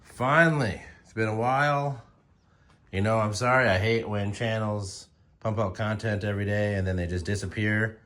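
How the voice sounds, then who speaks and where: An American motorcycle vlogger in his forties speaks informally to his phone, wandering through a slangy, chatty ramble. His voice is on the low side with a fairly bright tone, fairly even intonation and a moderate pace.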